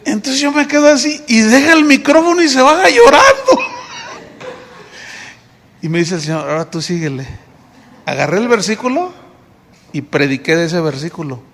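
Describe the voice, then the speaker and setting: Lively Mexican pastor in an echoing hall. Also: male voice, very high voice, moderate pace, long pauses. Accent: Mexican Spanish. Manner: lively storytelling, acting out dialogue. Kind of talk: sermon. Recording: long reverb of a church hall.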